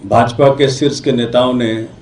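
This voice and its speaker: A man giving a press statement at a press conference in slow, deliberate, halting phrases. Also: medium pitch, steady tone, a little mellow, roomy sound, a little hiss or hum.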